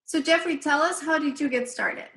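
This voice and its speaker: A woman's voice: sits high, moderate pace, fairly bright tone. A woman hosting an online interview, eager and effusive in her welcomes. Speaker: summit host.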